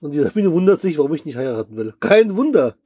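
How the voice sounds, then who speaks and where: A man's voice: a little high, sing-song, fast, warm tone, breathy edge, no echo. A middle-aged man in casual chat with his partner, teasing her and rambling on with amusement. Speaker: vlog host, partner. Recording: dull muffled dry sound.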